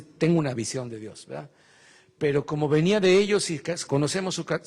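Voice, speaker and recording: A man's voice: medium pitch, breathy edge. A middle-aged man, preaching as a pastor and telling his own story with emphatic, acted-out prayers. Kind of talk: sermon testimony. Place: church hall. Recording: long echo of a church hall with music.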